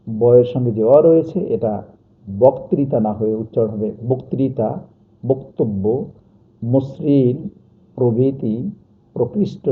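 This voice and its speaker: A male teacher gives a pronunciation lesson at a slow, repetitive pace, reading out one example word after another. His voice sits at a middle pitch. The sound is thin and tinny, like a phone line.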